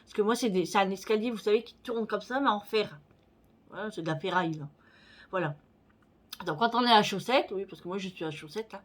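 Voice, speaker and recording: A woman's voice: medium pitch, a little fast. A woman in her forties, chatting casually on her vlog, rambling with many fillers and a slightly stuffy nose. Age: 40s. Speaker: vlogger. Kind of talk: casual chat.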